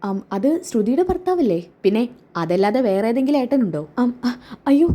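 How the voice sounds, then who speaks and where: A woman's voice: a little high, big pitch swings, brisk, warm tone. A woman playing a sly scheming young woman. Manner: sly, fake surprise.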